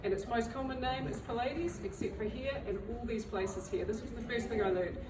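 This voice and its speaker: A woman from New Zealand with a fairly high, fairly quick voice gives a public talk as a library director. She comes across as chatty and self-deprecating. The recording is roomy and noisy, with the mic set far from her.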